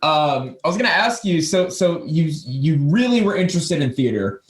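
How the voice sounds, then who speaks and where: A man's voice: a little high, big pitch swings, moderate pace, reverberant. A man co-hosting a casual podcast, eager and full of restarts. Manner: enthusiastic, stumbling restarts. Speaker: podcast co-host.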